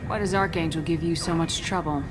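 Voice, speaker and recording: A woman's voice: fairly even intonation, brisk, lightly acted. A woman playing a cool, direct space soldier commander in a video game, asking terse, probing questions. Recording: rumbling noisy background.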